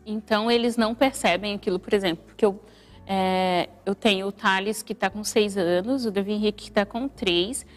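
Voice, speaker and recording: A woman co-hosting a radio talk, speaking in a relaxed, conversational way and drawing on examples from her own family. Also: medium pitch, moderate pace, long reverb tail, faint music behind. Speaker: radio co-host and mother.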